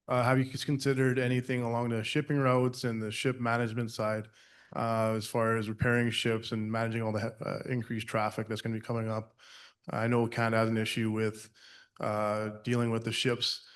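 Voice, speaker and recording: A man in the audience asking the panel a question, polite and steady. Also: mid-range voice.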